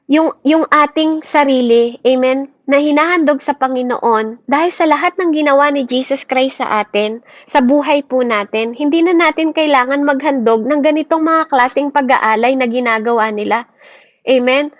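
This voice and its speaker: A woman's voice: high voice, no room sound, dull audio. A Filipino woman leading a morning Bible devotion, earnest and fervent, asking "Amen?" after nearly every point and slipping English into her talk. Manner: earnest, fervent preaching with many restarts. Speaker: devotion leader.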